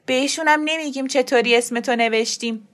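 Brief: woman voicing a feisty old grandmother for an audio story, brisk, coaxing and insistent. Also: high voice, a bit bright.

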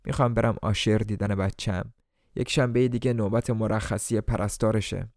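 A man voicing a tired, blunt waitress who talks in a weary, sharp-tongued way. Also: fairly low pitch, steady tone, creaky, no echo, studio quality.

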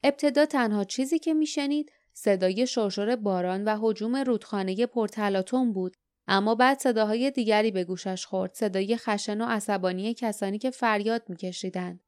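Clear-voiced woman reading a story. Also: mid-range voice, a little mellow, no room sound, studio quality. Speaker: audiobook narrator. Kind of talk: scripted narration.

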